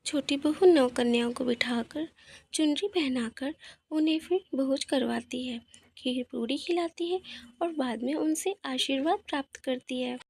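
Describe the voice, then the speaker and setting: A woman narrating a cartoon moral story in a plain, steady storytelling manner. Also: high voice, a little slow, no echo. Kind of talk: scripted narration.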